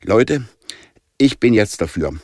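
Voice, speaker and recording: A plucky young boy from a children's story, willing but a little nervous, read by a man. His voice is fairly low and moves with lively melody. Dry, close sound. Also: slow, dry recording. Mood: resolved.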